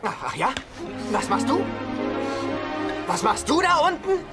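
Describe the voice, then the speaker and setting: A man's voice: extremely high pitch, very animated, a little slow, over loud music, full character voice. A man dubbing a hot-headed young man in a film, bickering and sarcastic. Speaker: dub actor. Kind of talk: German film dub.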